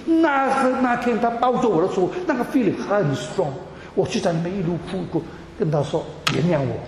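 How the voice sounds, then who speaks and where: A man tells his personal testimony to a congregation in a high voice, tripping over repeated words and slipping English terms into his speech. He is recorded in a large hall that gives every phrase a long, roomy reverb. A faint room hum sits underneath. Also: a little fast. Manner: stammering repetitions, drops in English words. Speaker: church member giving a testimony.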